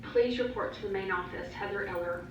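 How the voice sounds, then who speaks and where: A woman's voice comes through a school intercom speaker, flat and level as she reads out an announcement. The sound is roomy and distant, bouncing off the walls. A loud crowd of voices fills the space behind her. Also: mid-range voice, brisk, muffled recording. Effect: heard over a school intercom loudspeaker. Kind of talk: public address announcement. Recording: echoey loudspeaker from far off, crowd noise.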